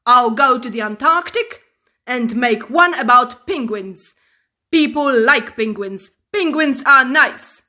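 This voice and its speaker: A woman's voice: high voice, expressive, slow, pushed and bright, exaggerated voice. A woman voicing a furious, pompous man who scolds indignantly in a children's storybook reading. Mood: indignant, scolding.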